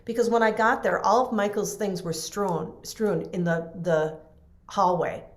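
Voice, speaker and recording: A woman's voice: mid-range voice, a little slow, echoey room. A woman in an interview telling an emotional personal story earnestly, acting out what others said. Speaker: guest. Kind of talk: casual storytelling in a podcast interview.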